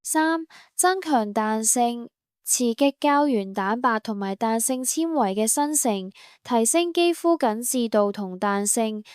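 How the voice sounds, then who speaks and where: A woman reading a scripted instructional voice-over for a beauty salon, in an even, promotional step-by-step manner. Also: a little high, slow pace, clear, resonant tone, no echo, studio quality.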